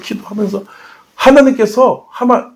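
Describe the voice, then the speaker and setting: A middle-aged male pastor preaching a sermon in a church, telling family stories with shouting bursts and acted voices. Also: sits high, normal speed, husky. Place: church sanctuary.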